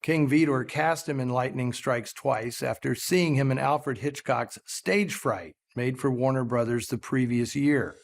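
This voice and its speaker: A man hosting a film program, delivering scripted commentary in a measured, articulate storytelling way. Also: mid-range voice, creaky. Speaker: film show host.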